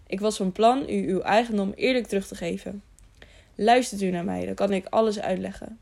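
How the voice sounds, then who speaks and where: A woman's voice: mid-range voice, fairly even intonation, a little fast, vocal fry, darkish tone. A woman reading an audiobook, voicing an earnest young man who pleads his case.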